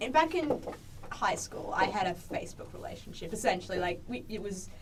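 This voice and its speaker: Animated young woman, teasing. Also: medium pitch, brisk, distant mic, a little hiss or hum. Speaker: student podcast panelist. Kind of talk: casual chat.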